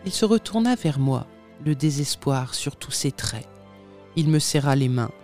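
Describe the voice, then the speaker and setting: A narrator reading a classic tale aloud as an audiobook, with measured, dramatic storytelling. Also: mid-range voice, lively intonation, a little mellow, faint music behind.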